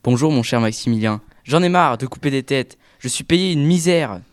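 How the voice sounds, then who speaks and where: A man's voice: medium pitch, expressive, normal speed, a little hiss or hum. A man playing a fed-up, underpaid executioner who phones in to a radio show, complaining over the line. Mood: grumbling. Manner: complaining, exasperated. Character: grumbling underpaid male executioner calling in. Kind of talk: amateur radio sketch.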